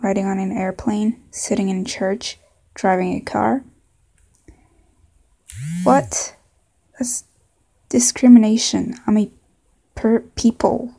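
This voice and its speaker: A woman's voice: mid-range voice, steady tone, slow pace, gravelly, long pauses, dark tone, breathy edge, exaggerated voice. A woman playing an indignant, pushy customer with a put-on Southern drawl in a comedy scene read-through. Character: indignant, pushy adult pet hotel customer.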